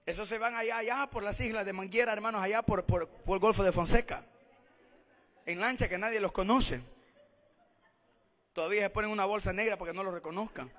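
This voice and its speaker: A man's voice: sits high, fairly even intonation, brisk, pauses often, a bit bright, in a large hall. A Salvadoran man with a Salvadoran Spanish accent, preaching a sermon in church, who keeps calling out to the congregation as brothers and sisters.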